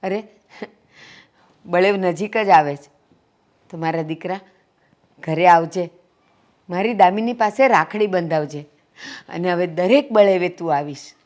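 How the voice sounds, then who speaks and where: A woman's voice: on the low side, measured pace, pauses often, a little mellow, lightly acted. A woman playing an older mother who heads the family, making peace and lecturing earnestly. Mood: calm persuading. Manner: earnest, scolding when roused. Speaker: family matriarch. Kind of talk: family drama acting.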